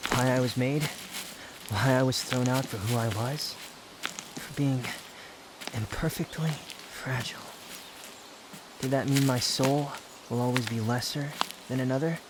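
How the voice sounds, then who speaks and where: A man's voice: mid-range voice, natural voice. Man voicing brooding young Wanderer, outdoor noise behind. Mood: melancholy. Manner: measured, pensive, dramatic pauses. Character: aloof, brooding young male wanderer, haughty yet tender. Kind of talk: intimate roleplay ASMR monologue.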